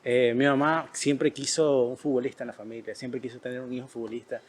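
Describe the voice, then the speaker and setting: A man's voice: mid-range voice, level tone, brisk, slightly rough. A man hosting a podcast, talking casually and hesitantly with frequent filler sounds. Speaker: podcast host. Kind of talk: casual conversation.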